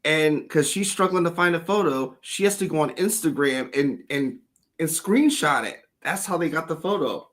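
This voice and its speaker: Talking at a normal speed in a slightly high voice, a livestream host analyzes video footage casually. He tells it loosely and animatedly, swearing now and then.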